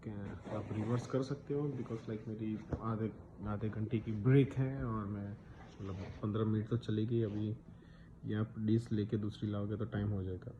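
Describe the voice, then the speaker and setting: A man's voice: fairly low pitch, fairly even intonation, moderate pace. A man in his thirties from India, telling a personal story in a casual vlog, chatty and dropping English words into his talk. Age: 30s. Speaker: vlogger. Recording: slightly dull sound with faint background noise.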